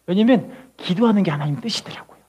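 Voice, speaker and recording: A woman's voice: lowish voice, expressive, quick pace, warm tone, breathy edge. A middle-aged woman pastor telling a story in a sermon, acting out quotes and exclaiming hallelujah.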